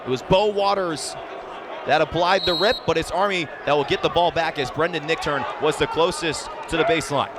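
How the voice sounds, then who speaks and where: Over the roar of a loud game crowd in the arena, a man with a slightly high voice delivers urgent, somewhat fast radio play-by-play of a lacrosse match.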